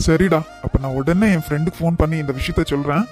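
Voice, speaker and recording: Affectionate cartoon dad played by a man, slightly high voice, pleading and gentle. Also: fast, soft background music, close to an everyday voice. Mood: tender. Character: worried, tender father of a grown daughter.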